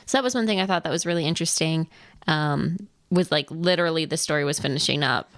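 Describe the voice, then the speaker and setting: A woman's voice: deep voice, fast, no echo, studio quality. A woman from Wisconsin co-hosting a podcast, chatting casually and giving frank, matter-of-fact opinions with some fillers. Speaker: podcast co-host. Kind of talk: casual chat. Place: home studio.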